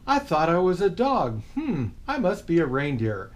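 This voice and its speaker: A man's voice: on the high side, huge pitch swings, normal speed. A man voicing a shy, eager little female dog in a children's storybook. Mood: pondering.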